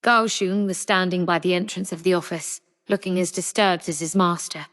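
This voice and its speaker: A woman reading a novel aloud as an audiobook narrator, measured and even. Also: lowish voice, in a large hall.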